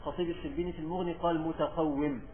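A man with an Egyptian accent gives a classroom lecture as a religious teacher. He reads a text aloud and explains it, and he often repeats phrases and asks rhetorical questions. He reads quoted passages more slowly and loudly. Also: on the high side, a little hiss or hum. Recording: tinny, lo-fi lecture recording.

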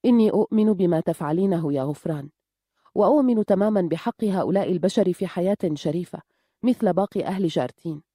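A woman voicing an earnest male village doctor who speaks with steady resolve. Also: on the low side, fast, slightly rough, no echo, studio quality.

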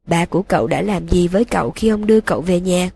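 A woman voicing an old male headmaster wizard who asks questions quietly and gently, in an audiobook reading. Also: on the low side, fast talker, gravelly, breathy edge, no echo. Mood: gentle.

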